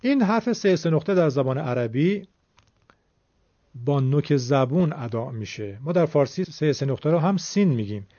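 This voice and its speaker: A man's voice: on the high side, expressive, dark tone, no echo. A man giving a radio lesson on Quran recitation, explaining patiently and sounding out letters himself. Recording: dull, dry radio studio sound.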